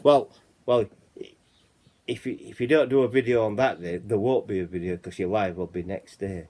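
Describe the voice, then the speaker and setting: The host of a casual chat channel, this man has a Yorkshire accent and a lowish, dark voice at normal speed. He rambles as he reads reports out, often asking "you know what I mean".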